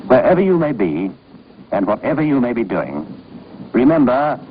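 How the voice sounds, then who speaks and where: The narration for this training film is scripted and read by a man with a medium-pitched, sing-song voice at a moderate pace. His manner is formal, authoritative and instructive, heard over a muffled, noisy old film soundtrack.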